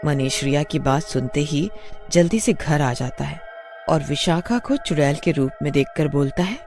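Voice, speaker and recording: A man's voice: on the high side, moderate pace, a little mellow, soft background music. A man narrating a kids' storybook in a plain storytelling manner.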